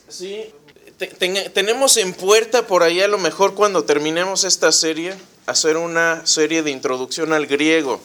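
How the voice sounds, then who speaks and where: A man's voice: high-pitched, a bit bright. A man teaching a Bible study class in a conversational way, often asking the group questions. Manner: frequent restarts and fillers. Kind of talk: church class lecture.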